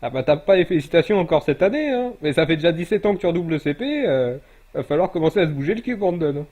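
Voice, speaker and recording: A man's voice: a little high, expressive, fast, dark tone. A man streaming a game over voice chat, mockingly lecturing a player like a stern parent. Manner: teasing, mock-parental. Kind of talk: casual gaming stream chat.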